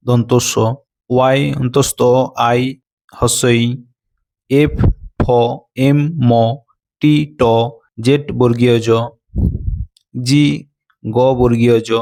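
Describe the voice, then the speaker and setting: A man's voice: medium pitch, a little mellow. A man teaching a scripted phonics lesson, spelling out words letter by letter and giving their meanings.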